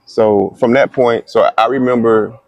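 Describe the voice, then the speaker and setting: A man from Miami in a relaxed chat, telling how he met his partner and acting out what people said. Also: unhurried, no echo, low-quality recording. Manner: animated storyteller who acts out the quoted voices in a higher pitch. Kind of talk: casual storytelling chat.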